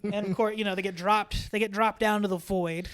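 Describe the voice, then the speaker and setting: A man's voice: sits high, steady tone, brisk, fairly bright tone, clean tone. A man hosting a casual movie review podcast, chatting loosely and restarting his sentences often. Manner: chatty, retells scenes with frequent restarts. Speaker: podcast host. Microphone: podcast microphone.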